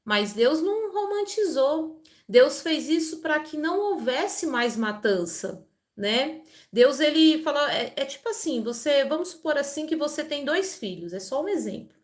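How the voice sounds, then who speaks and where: Higher-voiced woman reading scripture. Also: very animated, unhurried. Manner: conversational, explains with everyday examples, frequent tag questions. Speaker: Bible reader and channel host. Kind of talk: scripture reading with informal commentary.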